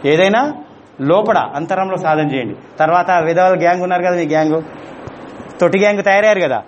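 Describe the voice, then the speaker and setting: A man's voice: sits high, slight background noise. A man teaching a spiritual class, playful and laughing as he keeps asking his audience questions.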